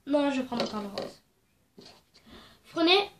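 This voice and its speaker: A young woman with a high, fairly bright and expressive voice talks slowly through a craft tutorial at home indoors. She's a craft vlogger shooting on her phone, nose stuffy from a cold, rambling playfully amid slight background noise.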